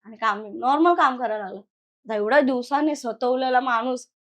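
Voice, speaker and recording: A woman's voice: fairly high pitch, normal speed, fairly bright tone. A young woman from Maharashtra telling a personal horror story conversationally, retelling events with quoted voices. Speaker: guest storyteller. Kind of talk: casual spoken horror story.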